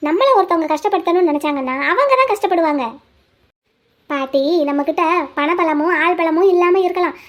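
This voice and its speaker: A woman's voice: extremely high pitch, fairly quick, a bit bright. A woman voicing a bold young village woman in a cartoon, firm, confident and upbeat. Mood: reassuring. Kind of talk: cartoon voice acting.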